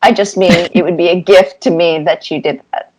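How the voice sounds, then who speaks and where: A woman in her fifties, a cartoonist appearing as an interview guest, gives casual, thoughtful answers with little anecdotes. Her voice is lowish, husky, and steady in tone at a normal speed. The audio is poor.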